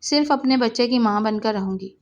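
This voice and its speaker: A woman's voice: a little high, highs cut off, lightly acted. A woman reading the lines of a wronged young wife who speaks coldly and firmly in a storybook reading. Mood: bitter firm. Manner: cold, firm, bitter. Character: wronged young pregnant wife, bitter and firm.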